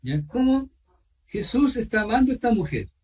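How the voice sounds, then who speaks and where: A man with a Chilean accent teaching an online Bible study, asking his listeners questions and pausing with fillers. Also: very high-pitched, sing-song, darkish tone, slightly rough, far from the mic, rough recording. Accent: Chilean Spanish. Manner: asks questions of the group, repeats himself, pauses with fillers. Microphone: video call.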